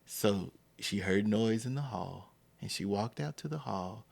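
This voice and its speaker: A man's voice: on the low side, measured pace, creaky. A man hosting a podcast, telling a personal story and acting out the quotes. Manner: animated, acts out quotes. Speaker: podcast host.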